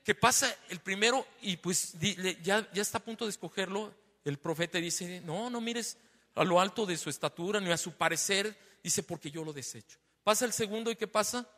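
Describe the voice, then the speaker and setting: A man's voice: normal speed, big-room sound. A man preaching a sermon in a conversational way, peppering the congregation with tag questions. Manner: loud and emphatic, then lowers his voice after being told he is shouting. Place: church hall. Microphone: handheld or stand microphone.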